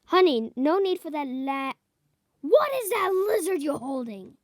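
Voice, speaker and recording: A woman's voice: high voice, expressive, measured pace, dry recording, studio quality. A woman voicing a harsh, brusque father in a homemade story.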